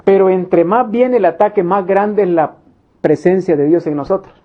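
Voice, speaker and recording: During a Bible study lesson, a preacher with a high voice speaks emphatically, acting out little quoted scenes and hammering key phrases through repetition. The audio sounds dull and low fidelity.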